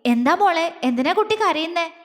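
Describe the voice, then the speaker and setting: A woman's voice: sits high, lively intonation, brisk, a bit bright, long reverb tail. A woman voicing a doting, playful mother-in-law. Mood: worried. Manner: affectionate, mock-stern. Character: affectionate, fun-loving middle-aged mother-in-law.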